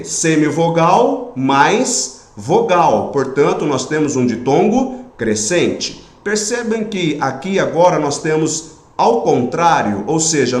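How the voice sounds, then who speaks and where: A man teaching a grammar lesson in Brazilian Portuguese, patient, pausing often to check that students follow. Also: on the high side, a little mellow, reverberant.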